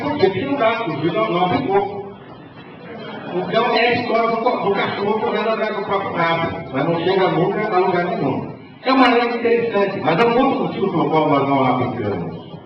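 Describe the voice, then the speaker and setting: A man with a Brazilian Portuguese accent giving a conference lecture as a panelist, telling wry stories in a lively way. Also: sits high. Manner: lively storytelling, wry humour. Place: large conference hall. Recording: echoey hall, distant dull mic, noisy.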